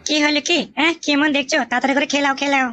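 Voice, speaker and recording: A woman voicing a placating young wife in a cartoon, speaking rapidly. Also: high voice, little pitch movement, over music, natural voice.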